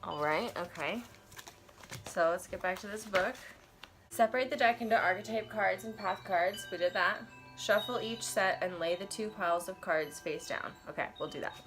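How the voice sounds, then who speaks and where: Her voice is medium-pitched and a bit bright, her pace moderate, with soft music in the background. This young woman in her twenties, stuffed up from allergies, reviews tarot and oracle decks and casually unboxes an oracle deck in her cluttered bedroom, reading passages aloud and drifting into asides as she thinks aloud.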